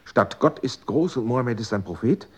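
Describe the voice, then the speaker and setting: A man's voice: mid-range voice, lively intonation, normal speed, breathy edge. An anxious, pleading man. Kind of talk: 1960s radio drama.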